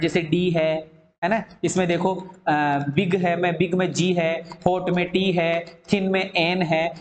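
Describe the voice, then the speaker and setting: A man's voice: sits high, reverberant, slight background noise. A man teaching an English grammar lesson, drilling word forms in lists and asking and answering his own questions.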